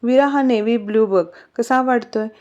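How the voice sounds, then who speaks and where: Woman reads a timid young wife, quiet and hesitant, high voice. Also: normal speed, natural voice. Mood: puzzled. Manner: soft, hesitant. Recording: slightly muffled recording.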